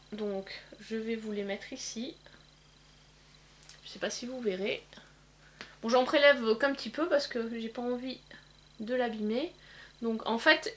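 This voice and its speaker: A woman demonstrating eyeshadow swatches in a casual vlog, pausing often with fillers. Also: a little high, a bit bright. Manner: hesitant, many filler pauses. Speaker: beauty vlogger. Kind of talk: casual makeup swatch demo.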